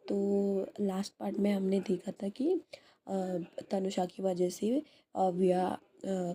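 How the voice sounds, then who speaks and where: A woman's voice: fairly low pitch, dark tone. A woman hosting her channel, telling a love story in a casual, hesitant way with many filler sounds.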